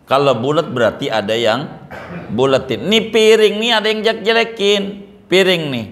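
A man's voice: fairly high pitch, moderate pace, fairly bright tone. A middle-aged man preaching a sermon, firing rhetorical questions and joking asides. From Banten, Indonesia. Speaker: Islamic preacher. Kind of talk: sermon to a congregation.

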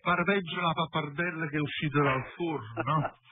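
A man's voice: fairly high pitch, normal speed, phone-quality sound, heavy background noise. A man with a Neapolitan accent hosting a fortune-telling phone-in, talking in blunt street slang, scolding and boastful. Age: around 40. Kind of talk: card reading with a caller.

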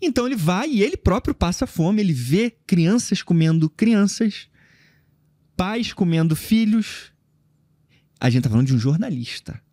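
Podcast guest, thirties man, high voice, dry close sound, emphatic explainer. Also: sing-song, normal speed, warm tone, dry recording. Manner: emphatic, explains with broad hand gestures. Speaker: history guest. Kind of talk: casual podcast conversation. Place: studio room with bookshelves. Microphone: podcast mic on boom arm.

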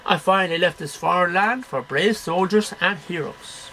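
A middle-aged man, an amateur poetry reader, recites poems line by line in a declamatory, sing-song style from a small cluttered bedroom. His high-pitched voice moves at normal speed with a sharp tone. The webcam, about arm's length away, gives poor audio with slight background noise.

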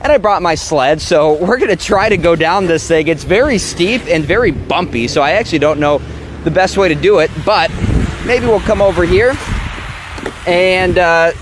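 A man's voice: sits high, lively intonation, normal speed. A young man giving a live television weather report from outdoors. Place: outdoors in a snowy parking lot. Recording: faint outdoor street noise.

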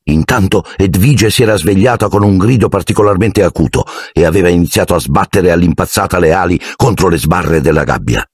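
A man narrating an audiobook with expressive, dramatic storytelling. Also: low-pitched, fairly quick, few pauses, breathy edge, dry recording, clean studio sound.

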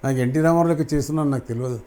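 Fervent middle-aged man, slightly high voice. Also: very fast, warm tone. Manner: fervent, repeats phrases for emphasis. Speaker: actor, interview guest. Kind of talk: emotional interview answers.

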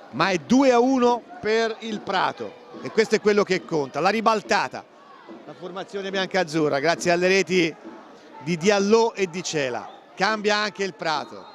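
An Italian man giving live play-by-play commentary on a football match. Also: high-pitched. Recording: faint stadium crowd and outdoor noise. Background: football crowd and outdoor ambience.

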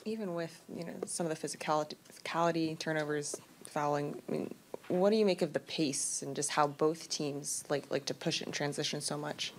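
A woman's voice: low-pitched, steady tone, a little fast, a little hiss or hum. A woman, a sports reporter asking a question at a press conference, searching for words and repeating herself.

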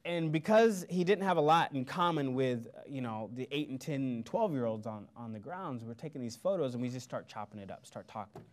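A man from Missouri gives a motivational speech to a lecture audience. He tells his story with energy and acts out the quoted lines in lively voices. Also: medium pitch, brisk, hardly any pauses. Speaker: guest speaker. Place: lecture hall before an audience.

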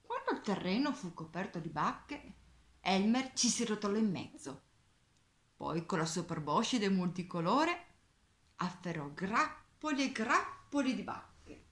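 A woman reading a children's picture book aloud, expressive and dropping to a whisper on key words. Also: mid-range voice. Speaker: children's storyteller.

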